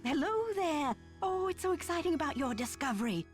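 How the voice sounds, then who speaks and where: A friendly game lady, high voice, harpsichord music behind. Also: very animated, brisk. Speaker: game character.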